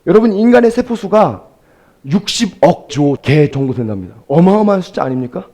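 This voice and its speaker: A male pastor preaching a sermon, shifting between soft storytelling and loud, emphatic exclamations, asking the congregation rhetorical questions. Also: high-pitched, sing-song, a little fast. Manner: addresses congregation directly, asks rhetorical questions.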